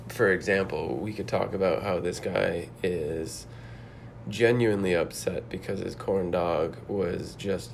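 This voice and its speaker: A man's voice: low-pitched, gravelly, slight background noise. A man co-hosting a podcast, riffing on absurd jokes in casual banter. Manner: joking, riffing on absurd scenarios. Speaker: podcast co-host.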